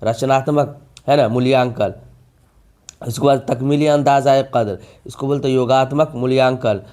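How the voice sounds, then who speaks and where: A man's voice: mid-range voice, darkish tone. Man teaching vocabulary, repeating terms. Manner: repeats each term and asks rhetorical questions; drawn-out emphasis on key words. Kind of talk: exam-prep vocabulary lesson.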